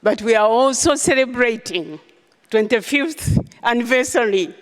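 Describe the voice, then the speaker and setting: Slow-speaking woman ambassador. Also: a little high, lively intonation. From Tanzania. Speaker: ambassador, panelist. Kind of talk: panel discussion remarks. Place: large concert hall stage, live event. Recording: long reverb of a large hall.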